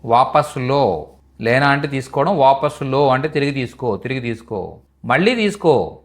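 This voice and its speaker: A man's voice: mid-range voice, expressive, normal speed. A man teaching in a live online language class, repeating each phrase patiently for students. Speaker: Hindi teacher.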